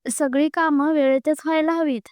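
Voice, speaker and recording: A woman's voice: sits high, fairly even intonation, moderate pace, darkish tone, no room sound, clean studio sound, natural voice. Woman voicing a stern, impatient young man. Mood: irritated. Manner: curt, complaining.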